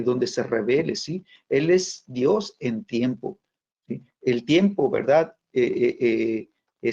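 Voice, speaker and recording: Gravelly, husky preacher man. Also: mid-range voice, dark tone. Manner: halting, many fillers and tag questions. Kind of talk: sermon. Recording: dull lo-fi sound.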